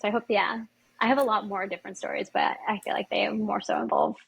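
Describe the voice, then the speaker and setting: A woman's voice: mid-range voice, little pitch movement, fast, creaky, breathy edge, no room sound, rough recording. A woman from Ontario, Canada, a podcast guest telling a story in a rambling, casual way, full of "like". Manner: rambling, fills speech with "like". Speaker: podcast guest, former yacht chief stew.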